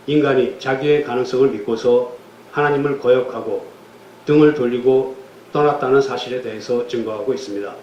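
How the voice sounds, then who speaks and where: Male pastor, measured solemn sermon delivery, mellow dark voice, roomy echo, slightly dull sound. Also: medium pitch, a little hiss or hum. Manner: solemn, measured preaching that closes in prayer. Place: church sanctuary.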